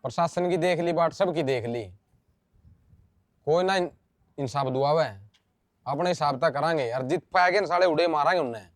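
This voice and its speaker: An angry young villager swears vengeance in a blunt Haryanvi accent, as a man acts him out. His voice sits somewhat high, close and dry. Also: moderate pace, long pauses, no room sound, lightly acted. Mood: defiant. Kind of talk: Haryanvi family drama acting.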